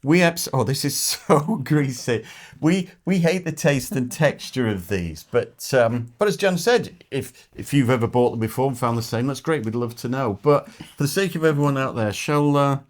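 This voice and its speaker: A man's voice: medium pitch, expressive, normal speed. A middle-aged man co-hosting a travel vlog, chatting casually while tasting food and talking with his mouth full.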